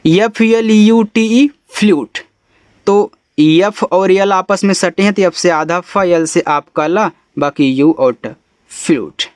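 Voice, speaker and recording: A man, teaching English phonics, spelling letters out slowly and sounding words out in a chatty way. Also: high voice, clear, resonant tone, no room sound, clean studio sound. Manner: calls the listener brother, chatty teaching. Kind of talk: phonics lesson for beginners.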